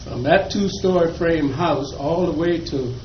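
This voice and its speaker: Reminiscing slowly for an oral history, an older Virginia man laughs softly through folksy stories of his early years. His voice sits on the high side and is a little slow. There is faint noise, and the echoey room gives the audio a dull lo-fi feel.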